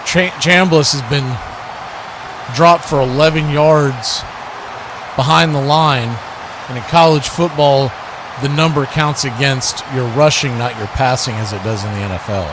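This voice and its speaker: An American man calls live football play-by-play for an online watch party stream, snapping off clipped short phrases for each action. His voice is medium pitched and a little slow, with clear background noise in the recording.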